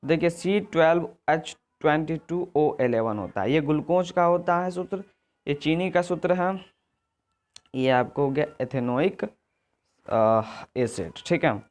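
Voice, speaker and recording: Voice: medium pitch, a little slow, darkish tone. A teacher going through exam answers, repeating points and often correcting themself. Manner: repetitive, often self-correcting with "sorry"; checks in with "ठीक है" and "आगे देखिए". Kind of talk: exam answer walkthrough lesson.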